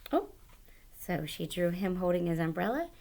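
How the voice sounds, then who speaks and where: A woman hosting a children's storytime, reading a picture book aloud in a gentle, animated way with soft whispered asides. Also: lowish voice, moderate pace, creaky, noisy background. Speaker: children's librarian storytime host.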